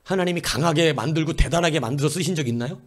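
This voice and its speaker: A middle-aged man preaching a sermon as pastor, animated and talking back and forth with his congregation, swinging between loud calls and hushed asides. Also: fairly high pitch, fast. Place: church sanctuary.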